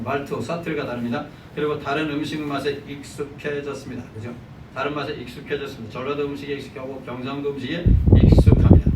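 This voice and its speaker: A man preaching a Sunday sermon as pastor, lively and joking with his congregation. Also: medium pitch. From South Korea. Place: church sanctuary. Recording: echoey church hall, mic from a distance, noisy.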